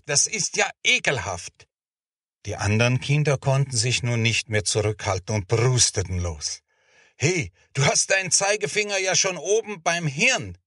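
A man narrating a children's story as scripted narration, with measured storytelling. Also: fairly low pitch, a bit bright, husky, no echo, studio quality, far from the mic.

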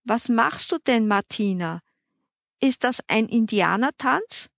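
Woman reading as a cheerful teasing young girl, slow, a bit high. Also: lively intonation, creaky, dry recording, studio quality, heavily acted. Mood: friendly.

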